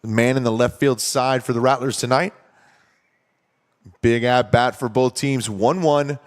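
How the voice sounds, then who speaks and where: A man calling a baseball game play-by-play, talking steadily and conversationally and explaining strategy between pitches. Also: steady tone, unhurried. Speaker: play-by-play announcer. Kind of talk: baseball commentary.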